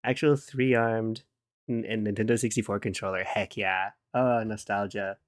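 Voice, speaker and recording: This live streamer talks with viewers in a lowish voice, his intonation fairly even and his pace moderate. He's playful and giggly, humming and scatting to himself while he works, and the recording is dry with clean studio sound.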